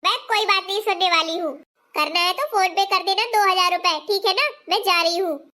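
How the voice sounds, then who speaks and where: A woman's voice: very high-pitched, a little fast, bright, forceful tone. A woman voicing a proud, touchy married daughter in a cartoon family story, who talks in an indignant, huffy way.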